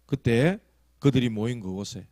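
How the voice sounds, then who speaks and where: A male pastor with a Gyeongsang accent preaching a sermon, telling stories that swing from loud emphasis to hushed asides. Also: mid-range voice, expressive, normal speed, no echo. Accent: Gyeongsang Korean. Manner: acts out quoted prayers and tongues.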